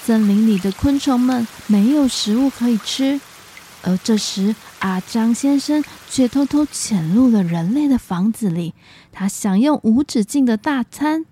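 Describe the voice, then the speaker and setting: High, bright woman reading to a toddler. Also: animated, measured pace, a little hiss or hum. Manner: talks to small children as if reading to a toddler. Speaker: children's storyteller. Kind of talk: narrated children's story and quiz.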